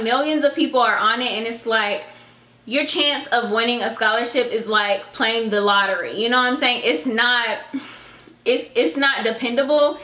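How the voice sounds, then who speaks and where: Bright chatty young woman in an echoey room. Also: a little high. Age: 20s. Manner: chatty, drawling, says "y'all" and "girl". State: pregnant, a little out of breath. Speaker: YouTuber giving advice. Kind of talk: casual vlog chat.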